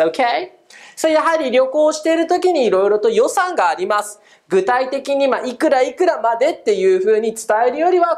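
A woman teaching English pronunciation in a video lesson, upbeat, drilling phrases slowly and mixing Japanese with English. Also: a little high.

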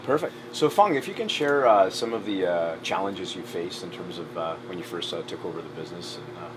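A man's voice: deep voice, animated, fairly quick, noisy background. A man in his forties with a Canadian accent, conducting a casual interview as a local candidate. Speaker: municipal election candidate, interviewer. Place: small convenience store, indoors.

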